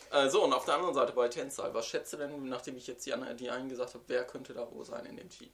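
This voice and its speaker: A man co-hosting a relaxed podcast review. He tells things with dry wit and likes to needle his partner. His delivery is easygoing and conversational. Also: mid-range voice, quick pace. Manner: dry, teasing banter. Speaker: podcast co-host. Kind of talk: casual wrestling review chat.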